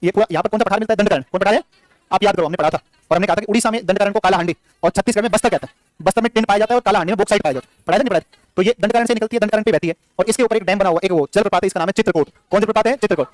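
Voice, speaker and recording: Fast-talking high-voiced male teacher. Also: no room sound. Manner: drills students with repeated questions and answers; jokey, scolds the class playfully. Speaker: geography teacher. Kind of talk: live classroom lecture.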